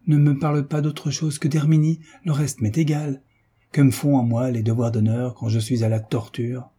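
A man's voice: mid-range voice, level tone, moderate pace, mellow, slightly rough, natural voice. A man voicing an anguished young nobleman in love in a read-aloud novel, speaking in impassioned despair.

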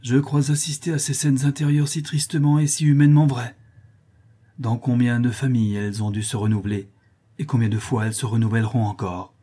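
A man reading a classic novel aloud in a measured, literary narration. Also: mid-range voice, steady tone, dark tone, breathy edge. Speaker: audiobook reader. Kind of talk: scripted narration.

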